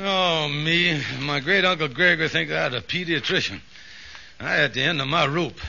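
An actor playing a boastful, scheming, fast-talking male con man in an old radio sitcom, on a lo-fi recording. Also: on the high side, creaky. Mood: worried. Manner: blustering, fast-talking, wheedling. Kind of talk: 1950s radio sitcom acting.

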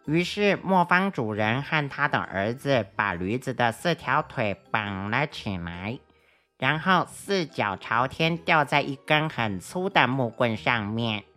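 A woman narrating a children's story in a gentle, expressive way. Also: a bass voice, unhurried, faint music behind.

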